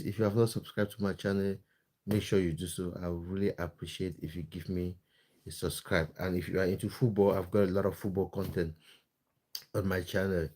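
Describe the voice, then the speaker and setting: A man's voice: fairly low pitch, darkish tone. A man from Cameroon, hosting a casual live stream, reading viewer comments in a friendly, chatty way with lots of fillers and restarts. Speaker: live-stream host and football content creator.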